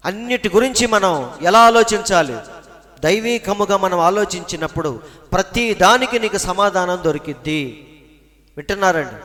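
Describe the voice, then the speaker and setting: A man preaching a sermon, often asking the congregation questions and checking that they are listening. When he reads scripture he slows down and lets his voice drop low at the end of each phrase. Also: expressive, fairly bright tone. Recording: long hall reverb.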